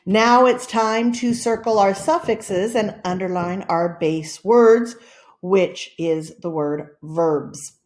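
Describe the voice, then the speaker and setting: Female teacher, video lesson, slow and deliberate, patient step-by-step delivery. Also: medium pitch, a little mellow. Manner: patient, deliberate, reads words one at a time. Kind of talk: slow, step-by-step classroom instruction.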